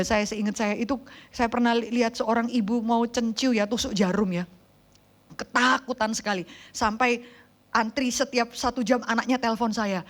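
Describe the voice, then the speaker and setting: A woman preacher, telling stories animatedly in a sermon and acting out the people in them. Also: a little high. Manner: animated storytelling, acts out quoted voices.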